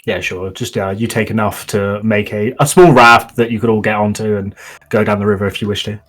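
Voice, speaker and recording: A man's voice: lowish voice, fairly even intonation, fairly quick, a bit bright. A man narrating a tabletop game as game master, talking players through their actions.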